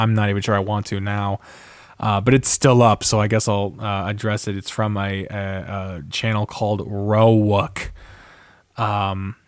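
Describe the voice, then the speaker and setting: A man with a fairly low voice hosts a podcast, launching into a casual, opinionated rant full of swearing, exasperated and sardonic in tone. The studio recording is clean with no echo.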